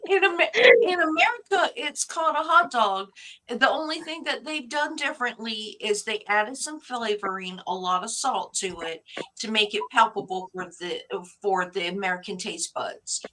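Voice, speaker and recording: A woman's voice: a little high, expressive, normal speed, a crowd in the background, low-quality recording. A woman chatting casually, opinionated and joking, laughing often. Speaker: chat show participant. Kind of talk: casual chat.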